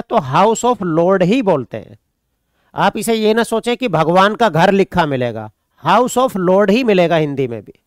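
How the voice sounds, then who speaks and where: A man's voice: sits high, smooth, no room sound, studio quality. A man from India, teaching an online exam-prep class. He repeats points, dictates notes and answers students' questions.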